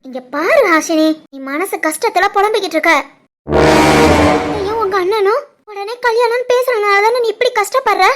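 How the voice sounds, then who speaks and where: A woman voicing a steady young woman who calmly and firmly reassures her crying friend in an animated family story. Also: very high voice, normal speed, heavy background noise. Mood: reassuring. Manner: calm, firm and reassuring.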